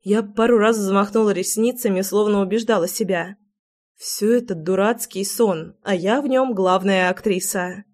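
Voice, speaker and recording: A woman's voice: medium pitch, normal speed, darkish tone. Woman narrating a first-person story. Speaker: audiobook narrator.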